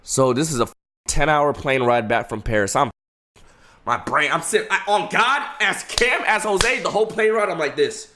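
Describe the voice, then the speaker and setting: A man's voice: fairly high pitch, lively intonation, moderate pace, bright, forceful tone. A man telling a story in an emotional, casual way, stammering, repeating words and swearing.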